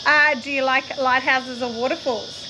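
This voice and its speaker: A woman's voice: sits high, steady tone, moderate pace. A middle-aged woman from Queensland with a broad Australian accent, hosting a casual chat. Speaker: interview host. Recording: clear background noise, insects chirping outdoors.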